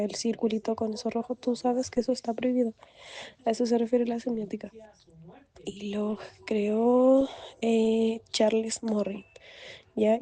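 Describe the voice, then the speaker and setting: A woman talks through her study notes on communication in a flat, even tone. Her voice is very dark and mellow. She hesitates often and fills the gaps with "you know" asides. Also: a little high. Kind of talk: explaining study material.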